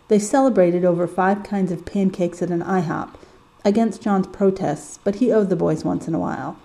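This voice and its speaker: A woman reading a story aloud in calm, measured audiobook narration. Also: lowish voice, low-quality recording. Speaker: story reader. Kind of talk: audiobook narration of fan fiction.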